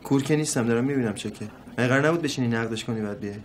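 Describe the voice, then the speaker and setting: An actor playing a contemptuous, insulting male boss in a film, shouting down an employee. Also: mid-range voice, slight background noise, lightly acted. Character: bullying foul-mouthed male boss, contemptuous. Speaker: abusive boss.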